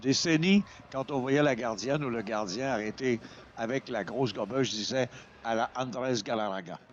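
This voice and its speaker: A man with a Quebec French accent doing excited sports commentary as a play-by-play announcer, exclaiming over the action. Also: medium pitch, normal speed, lo-fi sound, slight background noise. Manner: exclaims over plays, voice surging at shots and goals.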